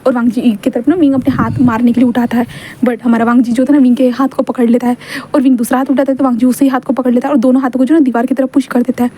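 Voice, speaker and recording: A woman's voice: high-pitched, flat delivery, racing, dark tone, husky. A woman casually narrating a fan-fiction story, voicing all the characters herself in one chatty tone, with stumbles and fillers.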